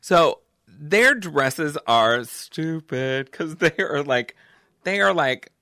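Man, podcast co-host, casual chat, bright forceful voice, dry close sound. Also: on the high side, dry recording. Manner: chatty, expressive, quick laughs.

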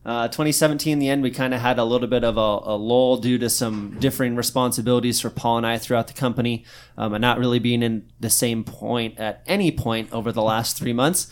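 A man's voice: medium pitch, steady tone, a little fast, clean tone. A man from Arizona co-hosting a casual podcast, talking loosely with many fillers and restarts. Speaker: podcast co-host, physical therapist.

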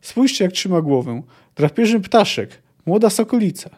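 A man voicing a scornful young female elf outlaw, read aloud with a sharp, dismissive edge. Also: high voice, big pitch swings, normal speed, voice pushed up.

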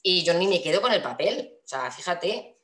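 A woman's voice: lowish voice, sing-song, moderate pace, a bit bright. A woman telling a personal story in a rambling way, with many restarts and fillers. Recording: echoey room.

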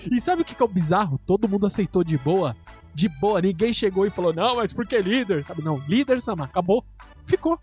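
A man's voice: sits high, lively intonation, brisk, darkish tone. A man with a Brazilian Portuguese accent, a podcast co-host, bantering playfully in slangy casual chat, on slightly dull audio with faint music.

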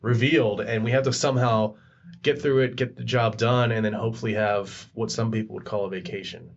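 A man's voice: on the low side, steady tone, brisk, gravelly, muffled recording. A man hosting a podcast in casual chat, joking, laughing often and stumbling over his words. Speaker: podcast host.

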